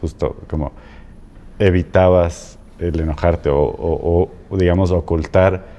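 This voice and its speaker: Very deep, mellow-voiced man coach. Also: fairly even intonation. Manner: halting, repeats words, ends with "¿no?". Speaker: coach, guest. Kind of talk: casual conversation.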